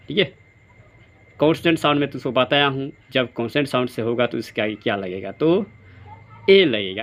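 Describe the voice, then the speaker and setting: A male teacher explaining grammar quiz answers. He keeps asking questions and answering them himself, and he reads the example sentences slowly, word by word. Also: mid-range voice. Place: classroom or study centre. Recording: dull lo-fi sound.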